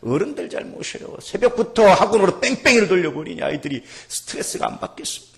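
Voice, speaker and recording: A middle-aged man preaching a sermon as pastor, moving between quiet, almost whispered passages and loud, shouted exhortations. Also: sits high, sing-song, quick pace, gravelly. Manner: swings between hushed murmurs and shouted exhortation.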